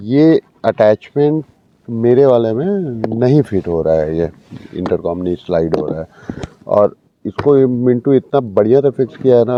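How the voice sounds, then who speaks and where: Here an Indian man with a lowish voice chats informally with his audience, addressing them as brothers, as he vlogs his motorcycle travels through rural India. Recorded on village roads and at a roadside eatery, the sound comes through muffled and dull amid outdoor noise.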